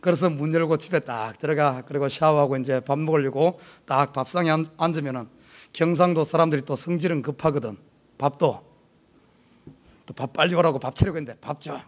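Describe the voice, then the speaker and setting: A man's voice: on the high side, fairly quick. A middle-aged man from South Korea with a Gyeongsang accent, a pastor telling a humorous personal story in a sermon at church. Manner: storytelling with humor, lively and animated. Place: church sanctuary.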